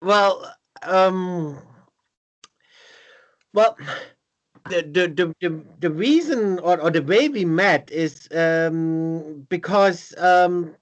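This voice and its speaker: A man hosting an interview, speaking in a halting way with many restarts and repeated words. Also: high voice, highs cut off. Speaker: interview host. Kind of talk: casual interview chat.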